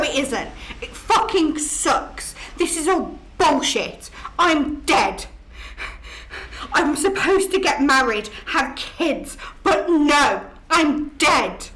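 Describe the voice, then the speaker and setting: A woman's voice: high-pitched, exaggerated voice. An actress playing a young woman's ghost, upset and frustrated at being murdered, in a film. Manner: upset, shouting then apologetic. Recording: echoey room with faint noise.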